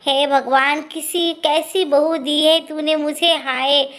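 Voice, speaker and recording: A woman's voice: sits high, steady tone, slow pace, fairly bright tone. A woman voicing a nagging, scolding old mother-in-law who exclaims and complains.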